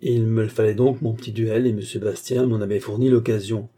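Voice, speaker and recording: A man's voice: fairly low pitch, fairly even intonation, fairly quick, dark tone, natural voice. A man voicing a phlegmatic English baronet, speaking in a polished, formal and courteous way. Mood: suave.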